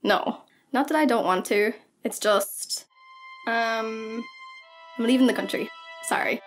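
A woman's voice: fairly high pitch, slow, faint music behind. A woman voicing a bored, dismissive teenage girl on a date. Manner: flat, dismissive.

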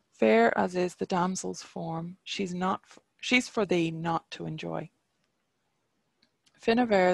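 Cuchulainn, a reader doing a gravelly defiant hero. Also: mid-range voice, no room sound. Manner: archaic verse read aloud, chant-like. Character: legendary young male Irish hero, defiant warrior.

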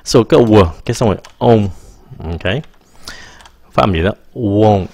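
A lowish-voiced man gives a casual English lesson, sprinkling "ok" between points and stretching out example sentences slowly. His voice sounds close and dry, with light keyboard typing behind him. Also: vocal fry, a little mellow, no room sound. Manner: mixes English phrases into explanations, repeats "ok" often; slows down to model English sentences. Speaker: English teacher.

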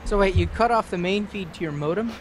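Brief: high, animated male voice, wisecracking gamer on a call with faint hiss. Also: a little fast. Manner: wisecracking, crude jokes. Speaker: podcast co-host. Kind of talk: casual group call chat. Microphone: computer mic on a group call.

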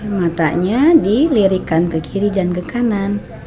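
A woman leads children through simple exercises, her voice in an ordinary middle pitch. She gives slow, patient, step-by-step cues. It is caught on a camera mic on an outdoor veranda. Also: animated, crowd noise. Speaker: brain gym instructor.

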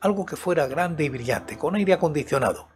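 A man's voice: a little high, lively intonation, fairly quick, natural voice. A man in his sixties voicing a placid, mildly grumbling criminal in his thirties in an audiobook. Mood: complaining. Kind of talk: audiobook character dialogue.

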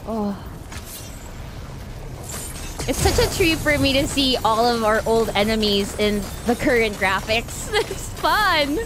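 The audio is poor, but you can hear a Filipina woman streaming a video game over game music. Her slightly high, expressive voice keeps a moderate pace through chatty, giggly reaction commentary.

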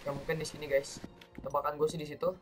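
A young man doing let's play commentary as a gaming YouTuber, chatty with viewers and bursting into loud exclamations. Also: fairly high pitch, flat delivery, quick pace, music in the background. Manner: chatty, keeps addressing viewers as guys.

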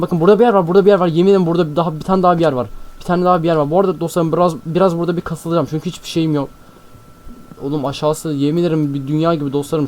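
A young man host commentating a game, excitable and jumpy, constantly talking to his viewers. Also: fairly high pitch, a little hiss or hum. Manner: excitable, jumpy, keeps addressing viewers as friends. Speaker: gaming channel host. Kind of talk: Minecraft let's-play commentary. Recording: faint background music.

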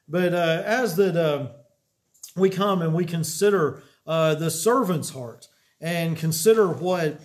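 A man in his fifties, a pastor preaching a sermon after an opening prayer, unhurried with many pauses, in a small church room. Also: fairly high pitch, a little mellow. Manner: unhurried, many "uh" pauses, rising emphasis on key words. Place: small church room with a wooden cross on the wall.

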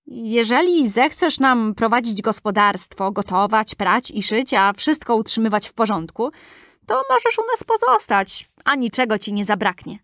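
A woman voicing a group of small, cheerful male dwarves in a storybook reading, with high, drawn-out, wondering questions. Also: animated, fairly bright tone, no echo, clean studio sound. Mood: kindly.

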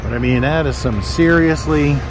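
A man walks along a town street narrating a casual tour, rambling and thinking aloud as he points things out. He is recorded on a handheld camera outdoors, with clear traffic noise behind him. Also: fairly high pitch, moderate pace. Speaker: vlogger, tour guide.

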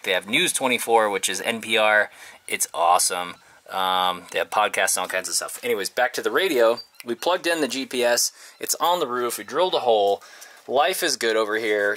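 Speaking at a normal speed in a lowish voice that sounds pushed and bright, a man narrates his DIY vlog while working on a project. He's the host, informal and rambling as he explains things to a camera held at arm's length, both inside a converted school bus and outdoors beside it.

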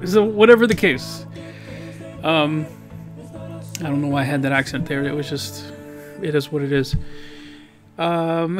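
A man rambling casually through a voice-over about his painting, full of fillers and restarts and poking fun at himself. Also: a little high. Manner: rambling, filler-heavy, self-deprecating. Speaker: digital painter and video host. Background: background guitar music.

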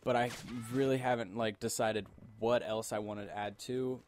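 A middle-pitched man gives casual gameplay commentary while tipsy from drink. He rambles and circles back over the same phrases. There is faint noise and ambience behind his voice. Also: fairly even intonation, moderate pace, a little mellow. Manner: rambling, repeats himself. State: tipsy from alcohol. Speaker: gamer commentator.

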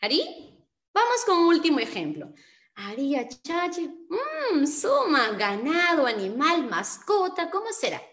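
A woman teaching an online language class, saying example words loudly and slowly, then explaining more quietly and asking rhetorical questions. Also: high-pitched, very animated. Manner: asks rhetorical questions and peppers speech with Quechua fillers.

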